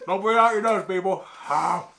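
A man's voice: high-pitched, normal speed, gravelly, pushed and bright, slight background noise. A young man hosting a food challenge, strained and hiccuping after eating burning wasabi. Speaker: host of food challenge videos. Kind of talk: casual challenge vlog chat. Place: small room indoors at a table.

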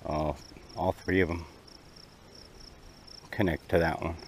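Speaking slowly in a low, level voice, a man talks casually to his viewers for a camping vlog. He's outdoors on an open rocky lakeshore, recording on an action camera with faint background noise.

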